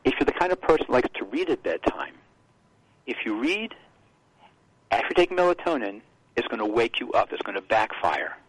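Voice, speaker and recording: A man talking as a health guest on a radio show, explaining in a halting way with restarts. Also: medium pitch, very animated, slightly rough, no room sound, poor audio.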